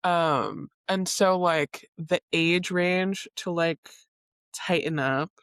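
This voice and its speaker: A woman's voice: fairly low pitch, slow, a bit bright, clean tone, dry recording, studio quality. A woman in her late twenties co-hosting a podcast, chatting loosely with lots of "like" and frequent laughter. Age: late 20s. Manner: chatty, laughing, full of filler "like". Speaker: podcast co-host. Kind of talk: casual chat.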